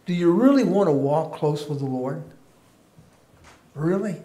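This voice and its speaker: A man's voice: on the high side, measured pace. A male pastor giving an informal sermon, joking easily with his congregation. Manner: relaxed, joking banter with congregation. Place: church sanctuary. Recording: echoey church room.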